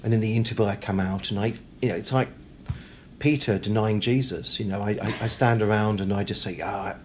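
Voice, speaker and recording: This British man, an interview guest in a casual conversation, speaks briskly in a lowish, steady voice. He's chatty and self-deprecating, repeating words hesitantly, and the recording carries clear background noise and room ambience.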